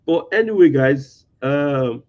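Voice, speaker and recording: A man hosting a casual football chat in a tinny voice with no bass, hesitant and full of fillers and restarts. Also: lively intonation, slow, darkish tone. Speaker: podcast host. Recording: thin lo-fi audio lacking bass.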